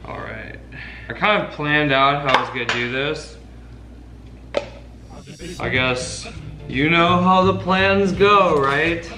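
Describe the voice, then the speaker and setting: A man in his twenties chatting casually and excitably to the camera in slangy vlog style. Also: a little high, slow, long pauses. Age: 20s. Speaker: food challenge vlogger. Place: home kitchen and dining room, indoors. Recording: music behind the voice.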